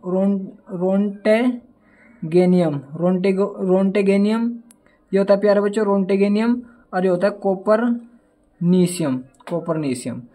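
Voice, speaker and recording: A young man with a high, mellow voice at normal speed gives a casual chemistry lesson full of mnemonics. He is chatty, keeps calling his students dear children, and stumbles over difficult element names, apologizing as he goes.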